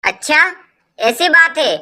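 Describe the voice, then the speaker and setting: A woman's voice: sits high, expressive, takes it slowly, exaggerated voice. A woman voicing a bossy old mother-in-law who taunts and scolds. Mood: taunting. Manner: taunting, nagging. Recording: loud hiss behind the voice.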